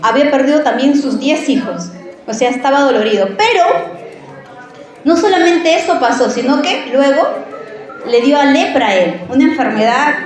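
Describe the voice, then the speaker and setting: This sermon comes from a woman preacher with a high voice, speaking at an ordinary pace amid heavy church reverb. She shares a personal story conversationally and with energy, repeatedly questioning her listeners.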